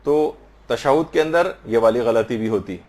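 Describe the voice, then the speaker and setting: A man giving a religious lesson, slowly demonstrating and repeating words of prayer to correct pronunciation. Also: mid-range voice, a little mellow. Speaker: religious teacher.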